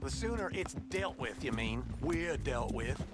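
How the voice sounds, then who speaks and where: A man's voice: mid-range voice, animated, unhurried, music in the background, natural voice. A man playing a nervous lovestruck young man. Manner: anxious, rambling. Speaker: game character.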